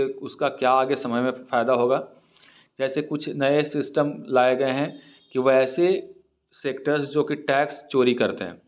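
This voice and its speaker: Hindi-speaking man teaching English vocabulary. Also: medium pitch. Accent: Indian. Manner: reads English lines slowly, then explains word meanings. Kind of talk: explaining an English newspaper editorial in Hindi.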